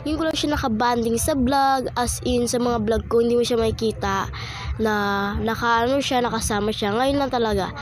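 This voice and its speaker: A woman's voice: fairly high pitch, steady tone, moderate pace. A young woman vlogging in a casual, teasing way, her voice stuffy and nasal from a cold. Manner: playful, teasing, frequent laughing asides. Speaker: content creator. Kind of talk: casual vlog chat.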